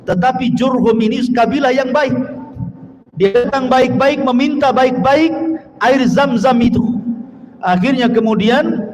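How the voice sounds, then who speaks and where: A man's voice: very high voice, unhurried, pauses often, darkish tone. A man preaching a sermon to a congregation, asking his listeners questions and reciting Arabic verses before explaining them. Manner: emphatic, rhetorical questions to listeners. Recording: long hall reverb, faint background noise.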